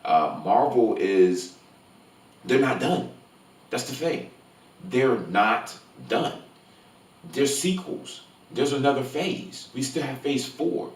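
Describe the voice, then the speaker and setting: Speaking to camera, a man gushes through an enthusiastic, casual film review, emphatic and often repeating words for emphasis. His mid-range voice is expressive, slow, and full of pauses, and he sounds distant from the microphone in a roomy, echoey space.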